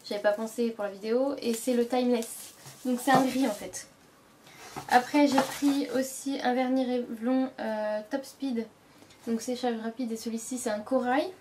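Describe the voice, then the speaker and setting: A woman's voice: on the high side, fairly even intonation, normal speed, darkish tone, a little hiss or hum. Chatty woman beauty vlogger. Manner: chatty, many fillers and self-corrections. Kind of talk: casual product show-and-tell.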